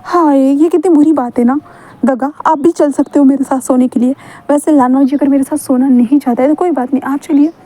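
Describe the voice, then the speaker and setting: A woman's voice: sits high, steady tone, brisk, warm tone, natural voice. Woman voicing a teasing teenage boy.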